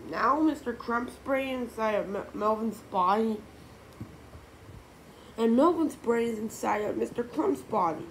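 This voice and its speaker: A woman voicing a clever schoolboy who explains a mix-up in a read-aloud storybook, brisk and stumbling over words. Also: on the high side, a little hiss or hum, pitched above the performer's own voice, rough recording. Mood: explaining.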